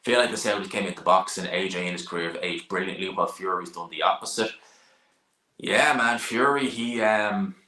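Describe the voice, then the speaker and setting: A young Irish man from Dublin who hosts a boxing channel answers viewer questions in a live stream chat. He talks a little fast, rambling loosely, repeating phrases and dropping casual slang, in a low voice that's sharp and forceful. His room rings with echo.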